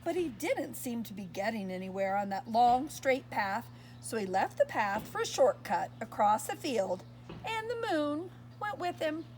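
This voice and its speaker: A woman with a high, bright voice tells a children's picture book story at a measured pace, her pitch rising and dipping with feeling. Every so often she breaks off to ask her young listeners what they think comes next, and a faint noise runs beneath the recording.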